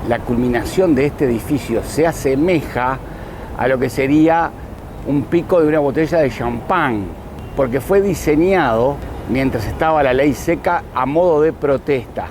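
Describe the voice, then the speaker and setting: A travel vlogger with a medium-pitched voice chats enthusiastically at a moderate pace, explaining the sights as he walks around a city outdoors. Music plays beneath his narration, and the background is noisy.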